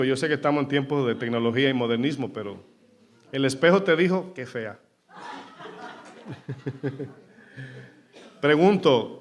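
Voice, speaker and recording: Man preaching, asks the congregation questions. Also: mid-range voice. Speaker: pastor. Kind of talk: sermon. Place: church.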